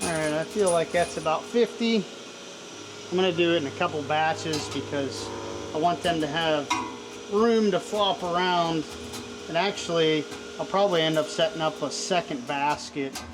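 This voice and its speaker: A man giving a casual hands-on demonstration in a workshop, with a machine running noisily behind him. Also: a little high. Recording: loud machine noise behind the voice. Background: machine running, steady mechanical noise.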